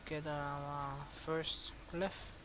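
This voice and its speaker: Noisy, low, flat-voiced woman gamer. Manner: halting, thinking aloud. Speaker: video game let's play host. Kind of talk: casual gameplay commentary. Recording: very noisy gaming microphone recording.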